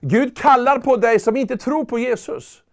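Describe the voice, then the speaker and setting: A man preaching a sermon in an earnest, emphatic way, at times rising to loud calls. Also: extremely high pitch.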